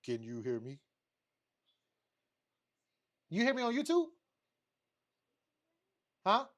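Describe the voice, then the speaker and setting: Man livestreamer, casual storytime rant, animated and profane, hammers phrases by repeating them. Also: high voice, a little slow. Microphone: streaming setup mic.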